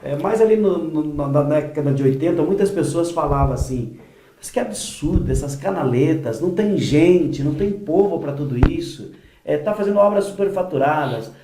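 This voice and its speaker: A man's voice: on the high side, animated, moderate pace, dark tone, a little hiss or hum. A man interviewing a guest in a conversational way, asking leading questions. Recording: roomy echo.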